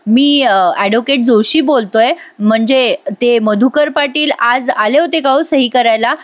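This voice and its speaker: A nervous lawyer hedges and placates his boss, as a woman voices him. The voice is fairly high and hesitant. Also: a little slow, dry recording, natural voice.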